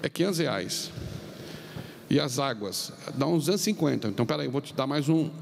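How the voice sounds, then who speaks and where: A middle-aged Brazilian man preaching as a pastor, telling a story with quoted dialogue and swinging his pitch up and down. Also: lively intonation, a little fast, gravelly. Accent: Brazilian Portuguese. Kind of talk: sermon storytelling. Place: large arena. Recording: long reverb of a large arena, faint noise.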